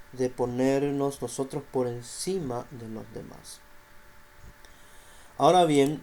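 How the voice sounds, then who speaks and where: Slow-paced middle-aged male teacher, warm low-key tone, explains with rhetorical questions. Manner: explanatory, uses rhetorical questions and filler "este". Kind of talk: recorded class lesson.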